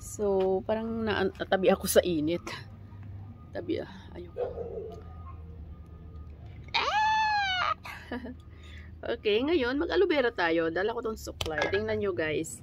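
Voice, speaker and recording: A woman's voice: mid-range voice, animated, moderate pace, dull audio. A woman vlogging casually in her backyard, chatty and teasing with lots of exclamations. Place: backyard outdoors. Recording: loud background noise. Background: barking dog.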